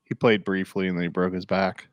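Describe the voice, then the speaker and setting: A man's voice: sits low, little pitch movement, brisk, no room sound. A man hosting a podcast in casual chat, joking and teasing his guests and laughing often. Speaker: podcast host.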